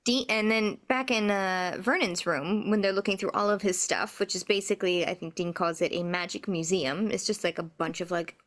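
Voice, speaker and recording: A woman's voice: medium pitch, moderate pace, few pauses, fairly bright tone. Easygoing woman podcast co-host. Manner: easygoing, laughs often, many "like" and "you know". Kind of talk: casual episode recap.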